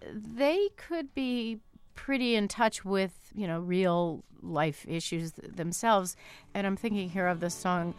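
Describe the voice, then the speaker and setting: Measured woman radio host. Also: mid-range voice, clear, resonant tone, dry recording. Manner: measured, unhurried questions. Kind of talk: radio interview and news presenting.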